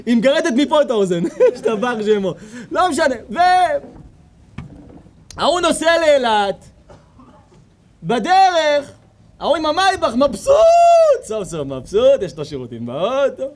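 Male rabbi, high voice, lively comic storytelling sermon, mic outdoors with faint noise. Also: pauses often. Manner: animated, acts out characters with sudden shouts. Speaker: rabbi giving a Torah lecture. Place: outdoor evening event before an audience.

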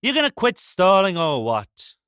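A grumpy loner frog man from an audio drama, gruff and dry in his replies. His voice sits a little high and swings up and down a lot. The studio sound is close and dry. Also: wildly swooping pitch, moderate pace, fairly bright tone, no room sound, exaggerated voice. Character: grumpy reclusive frog man bounty hunter. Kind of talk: full-cast audio drama.

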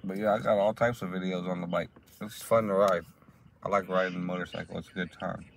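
A man chatting casually in a parked car, relaxed and rambling with lots of fillers. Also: sits low, quick pace, creaky, a little hiss or hum. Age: 30s. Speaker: vlogger. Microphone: phone camera on the dashboard.

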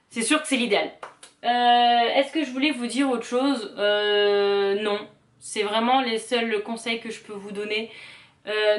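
A woman's voice: medium pitch, fairly bright tone. A woman in her thirties, talking earnestly and casually to viewers, with lots of fillers and restarts. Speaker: vlogger. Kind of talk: casual advice vlog. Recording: roomy echoey home room.

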